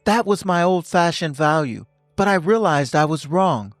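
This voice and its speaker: A man in his fifties voicing a stern husband who speaks calmly and coldly, lecturing his wife. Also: fairly high pitch, normal speed, no echo, studio quality, faint music behind. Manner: calm, cold and lecturing. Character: stern husband ending a toxic marriage.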